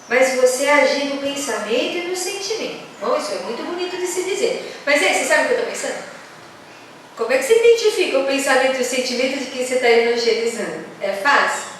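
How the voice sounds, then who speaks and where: A woman's voice: high voice, lively intonation, a little fast, a bit bright. A Brazilian woman with a São Paulo accent leading a teaching workshop in a conversational way, asking the audience questions and acting out quoted voices. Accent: São Paulo Brazilian Portuguese. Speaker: workshop speaker for religious teachers. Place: community hall. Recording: very echoey hall, distant mic, faint noise.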